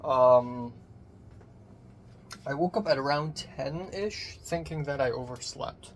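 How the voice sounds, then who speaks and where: A young man rambling through a casual personal vlog, swearing casually, his voice thin with no bass on a phone microphone. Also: slow pace. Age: young adult. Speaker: vlogger. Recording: thin bassless phone mic, background noise.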